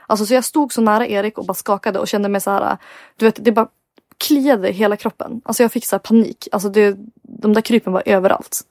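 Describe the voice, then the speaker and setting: A woman's voice: mid-range voice, no room sound, clean studio sound. A young woman co-hosting a casual podcast, telling a story with lots of filler words and acting out what people said. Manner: animated storytelling, heavy filler words, acts out quotes. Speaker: podcast co-host.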